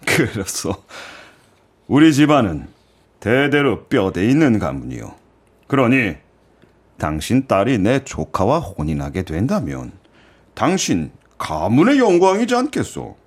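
A man co-hosting a radio show, reading a role in a drama with playful, animated delivery. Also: medium pitch, measured pace. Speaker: radio host and reader.

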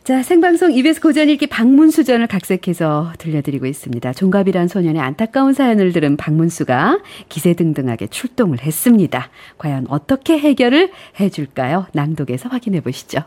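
Mellow-voiced woman radio host. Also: on the low side, big pitch swings, fairly quick, hardly any pauses. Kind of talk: live radio talk and narration.

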